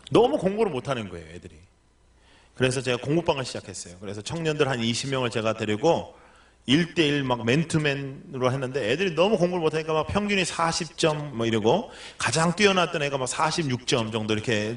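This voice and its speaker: Lively, animated male pastor preaching. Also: medium pitch. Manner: animated storytelling, acting out quoted lines. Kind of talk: sermon.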